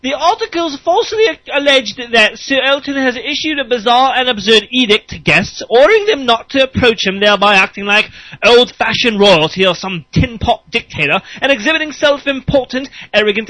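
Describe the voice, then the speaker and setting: A man's voice: very high-pitched, lively intonation, a little fast, sharp tone, no room sound, pitched above the performer's own voice, heavily acted, rough recording. A man voicing a pompous male British solicitor, reading a formal statement in a put-on British accent.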